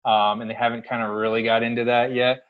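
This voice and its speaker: A man co-hosting casual gaming commentary, giving blunt, slangy opinions in halting, loosely built sentences. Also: medium pitch, level tone, phone-quality sound. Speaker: co-host.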